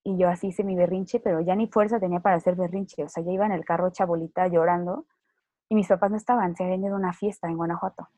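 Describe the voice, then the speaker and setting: A woman's voice: lowish voice, fairly even intonation, fast talker, dark tone, dry recording. A woman with a Mexican accent telling a personal story in casual chat. She speaks chattily, fills her speech with "o sea" and "¿no?", and acts out what others said.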